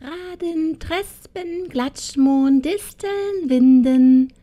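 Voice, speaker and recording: A woman voicing a greedy, flattering old witch with a cooing, sing-song voice. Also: a little high, a little slow, dull audio.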